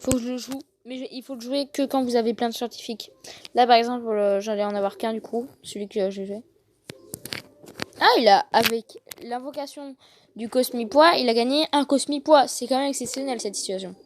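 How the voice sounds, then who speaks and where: A woman giving casual gameplay commentary, excitable and fretful, thinking aloud to her viewers. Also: a little high, a little fast. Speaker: gaming video host. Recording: noticeable background noise.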